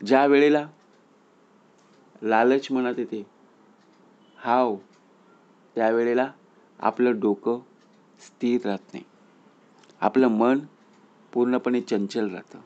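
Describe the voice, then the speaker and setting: A man's voice: fairly even intonation, slow pace, pauses often, a little mellow. Earnest male storyteller, lo-fi sound. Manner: earnest storyteller, rises in pitch and volume at tense moments. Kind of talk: moral story narration.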